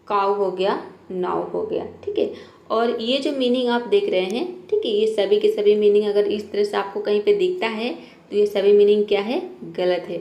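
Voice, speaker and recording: A woman explains English spelling rules in a patient, question-and-answer manner. She keeps checking that her viewers follow, and her voice bounces around a roomy, echoey space at a mid pitch. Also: a little mellow. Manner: patient, asks questions and answers them herself; keeps saying "theek hai" to check understanding. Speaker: English teacher.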